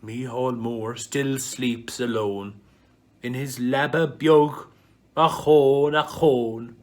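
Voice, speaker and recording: A performer with an Irish accent reads a comic rhyming ballad, his mid-range, darkish voice slow and steady in tone. He tells it in a mock-dramatic storytelling style, swinging widely in volume.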